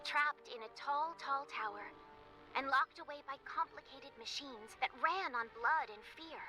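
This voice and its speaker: A woman's voice: high-pitched, unhurried, rough recording. A woman playing an old-fashioned fairy-tale storyteller in a 1950s narrator manner, with a Transatlantic accent and theatrical, ominous delivery in a trailer. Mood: ominous storytelling. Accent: old-timey Transatlantic. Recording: music loud under the voice. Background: loud music.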